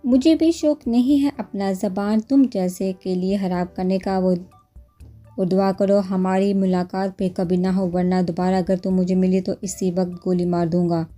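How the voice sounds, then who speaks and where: A woman's voice: medium pitch, fairly even intonation, mellow, faint music behind, lightly acted. A woman reading a storybook novel, voicing a cold, short-tempered young man who speaks in a cutting tone.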